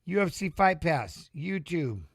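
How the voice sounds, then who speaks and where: A middle-aged man hosting a live fight watch-along, chatty and excitable, talking to the viewers as he calls the action. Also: on the high side, a little slow. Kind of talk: casual live fight commentary.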